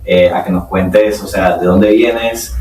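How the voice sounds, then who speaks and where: A man with a low voice hosts a podcast interview. His questions wander and he leans on fillers as he circles toward his point. He sounds set back from the mic in a roomy, echoing space with a faint hiss. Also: steady tone, takes it slowly, a little mellow. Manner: rambling questions with many fillers. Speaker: podcast host. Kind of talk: hosting an interview. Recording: echoey room, distant mic.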